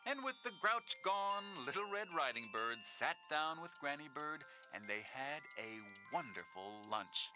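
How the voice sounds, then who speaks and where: A man playing an expressive narrator of a children's storybook. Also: fairly high pitch, measured pace, few pauses, over music. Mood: storytelling. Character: animated male storybook narrator.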